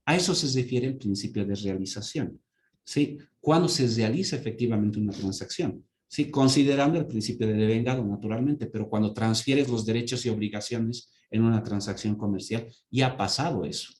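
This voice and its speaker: In an online accounting lecture, a man explains concepts with everyday examples and keeps checking in with students, repeatedly asking "¿sí?" for confirmation. His voice is lowish and darkish, fairly quick, and sounds reverberant.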